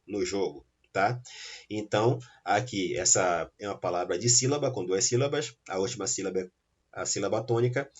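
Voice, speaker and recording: A man's voice: fairly low pitch, darkish tone, breathy edge, dull audio. A male teacher with a Brazilian Portuguese accent explains grammar rules step by step, often checking in with his students. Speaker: English teacher. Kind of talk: recorded grammar lesson.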